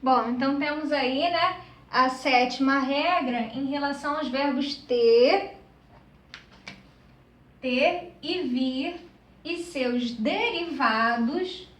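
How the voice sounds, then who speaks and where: Woman teacher, high voice, explanatory, tag questions, echoey room, a little far from mic. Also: slow, a little hiss or hum. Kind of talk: recorded grammar lesson.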